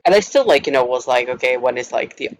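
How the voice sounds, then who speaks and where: A man's voice: mid-range voice, lively intonation, fast talker, a little hiss or hum, poor audio. A young man from Norway, a native Norwegian speaker, telling a story to camera in a casual, rambling vlog style, giggling often and filling his speech with filler words. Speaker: vlogger.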